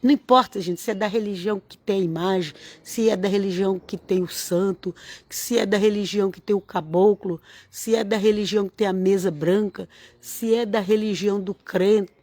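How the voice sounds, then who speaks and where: A woman's voice: medium pitch, steady tone, normal speed, warm tone, no echo. A woman, giving an informal, earnest sermon-style talk to camera and repeating phrases for emphasis. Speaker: religious vlogger.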